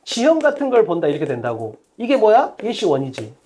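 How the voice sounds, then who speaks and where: A woman teaching an English exam lesson at a whiteboard, talking bluntly and colloquially, quizzing her students with rapid rhetorical questions and repeating key points. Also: medium pitch, wildly swooping pitch, warm tone, slight background noise. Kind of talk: lecture at a whiteboard.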